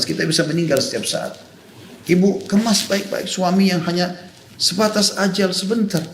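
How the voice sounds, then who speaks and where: High-voiced man preaching in echoey room. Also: a little hiss or hum. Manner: earnest, conversational preaching. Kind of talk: sermon to women.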